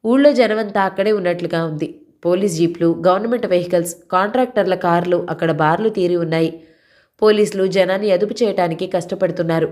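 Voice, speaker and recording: Brief: female audiobook narrator, steady storyteller, even delivery. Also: lowish voice, brisk. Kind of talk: novel reading.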